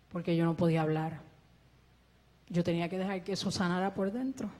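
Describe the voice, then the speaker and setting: A woman's voice: medium pitch, a little mellow. Woman giving a testimony in an echoing church. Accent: Puerto Rican Spanish. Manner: earnest storytelling, acting out dialogue. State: breathing with a ventilator. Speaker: testimony speaker. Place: church hall. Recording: long echo of a church hall.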